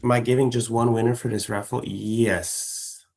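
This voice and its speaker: A man talks casually through a live trading stream, rambling and filling gaps with "like" and "uh". His voice carries a gravelly, creaky texture at a middling pitch. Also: flat delivery, normal speed, darkish tone. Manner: loose, chatty, lots of fillers and slang. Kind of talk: casual livestream chat.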